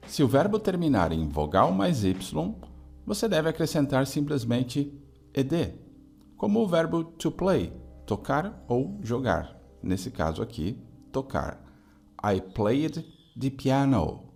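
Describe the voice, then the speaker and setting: Man from Brazil, video English lesson, step-by-step explaining, animated pitch. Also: unhurried, vocal fry, soft background music. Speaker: English teacher.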